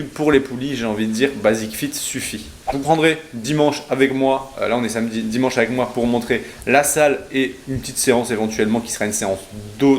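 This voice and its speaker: A man's voice: medium pitch, slight background noise. Chatty man vlogging fitness. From Belgium. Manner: chatty, explanatory, frequent "euh" fillers and self-corrections. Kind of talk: casual vlog talk to camera.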